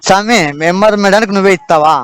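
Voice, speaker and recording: A farmer, heard over a landline phone call, giving short pleading replies and brief agreements. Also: male voice, sits high, quick pace, fairly bright tone, clean tone, no echo.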